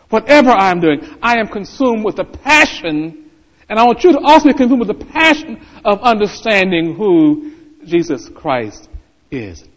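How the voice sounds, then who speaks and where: A middle-aged man preaching a sermon as pastor, building to fervent emphasis. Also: high voice. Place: church sanctuary. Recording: reverberant hall, dull lo-fi sound.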